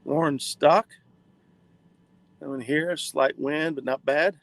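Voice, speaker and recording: A man's voice: on the high side, steady tone, slow pace, gravelly, no echo, rough recording. A man in his forties hosting a fishing livestream from a boat, chatting casually and reading viewer comments. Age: 40s.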